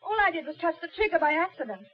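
An actress playing a nervous, evasive young fiancée in dramatic 1940s radio style. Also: female voice, very high voice, expressive, very fast. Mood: apologetic. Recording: dull old radio recording.

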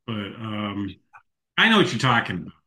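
Guy chatting off the cuff, forceful voice, up and down a lot, rambles. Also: lowish voice, sing-song, moderate pace, rough recording. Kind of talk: casual political chat.

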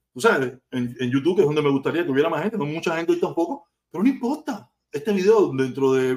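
A man's voice: high voice, a little mellow. A man from Cuba with a Cuban accent, ranting bluntly and profanely on a casual live stream.

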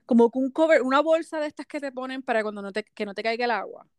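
A woman's voice: high-pitched, quick pace, darkish tone, clear, resonant tone, dry recording. Chatty woman, dry sound. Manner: chatty, mixes English into Spanish. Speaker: podcast co-host. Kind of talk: casual gossip chat.

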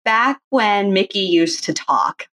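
A middle-aged woman speaks as a guest in an easygoing chat. She tells her stories in a fond, nostalgic way, and her voice sits at a middle pitch. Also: animated, slow pace. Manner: warm and fond, nostalgic storytelling. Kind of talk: casual chat.

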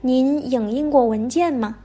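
A woman reading the lines of a calm, patient elderly male monk, asking gentle questions. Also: high-pitched, measured pace, faint music behind.

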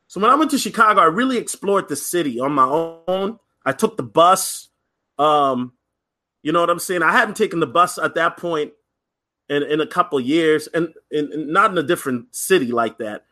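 A man with a high, bright voice tells a personal story in a loose podcast monologue. His pitch swings widely, and he is chatty, with fillers, restarts and a habit of asking "right?". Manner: lively, acts out other people's lines. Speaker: podcast host.

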